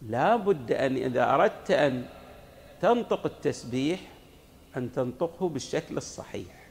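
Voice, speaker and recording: A man's voice: medium pitch, animated, moderate pace, gravelly, a little mellow, slight background noise. A man giving a sermon in a mosque. He teaches step by step, asks questions and answers them himself, and demonstrates recitations aloud. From Saudi Arabia. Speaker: cleric giving a religious lecture.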